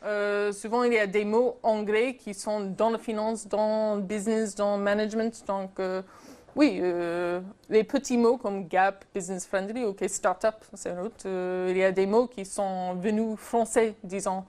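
A woman's voice: mid-range voice, steady tone, measured pace, darkish tone. Hesitant American woman speaking carefully. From United States. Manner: hesitant, searching for words. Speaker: English teacher. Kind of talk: panel commentary.

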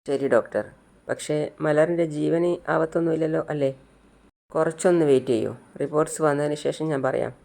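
A man's voice: a little high, steady tone, brisk, creaky, darkish tone. A man voicing an earnest male guardian anxious about a sick child.

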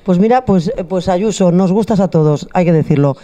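A middle-aged woman hosts a food show in an indoor bar lined with wine shelves, chatting and joking into a handheld mic. Her voice is fairly low and mellow, and she speaks fairly quickly.

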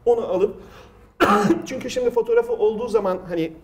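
A middle-aged or older man hosts a quiz from a studio table indoors, telling stories in casual, conversational speech. His voice is high and breathy-edged, and he talks fairly quickly.

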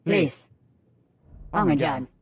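High-voiced excitable streamer on headset mic. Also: male voice, takes it slowly, slightly rough. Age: 30s. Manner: excitable, swearing, talks to himself and chat. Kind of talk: gaming livestream commentary. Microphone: livestream headset mic.

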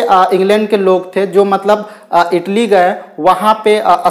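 A young man giving a chatty video lecture on poetry to students, often saying "guys" and "okay". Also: sits high. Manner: chatty, repeats "theek hai" and "guys" often. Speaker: English literature teacher.

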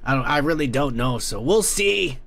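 Sitting in a dim room at home, an American podcast host works through viewer comments in a rambling, profane, filler-heavy way. He has a medium-pitched, slightly bright, creaky voice, speaking expressively at a moderate pace.

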